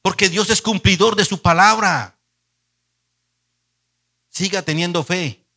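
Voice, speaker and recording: A pastor with a somewhat high-pitched voice preaching a sermon. He tells his own story earnestly, pressing hard on key lines and dropping to a hush in between. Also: slow. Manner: earnest storytelling, swinging between emphatic and hushed.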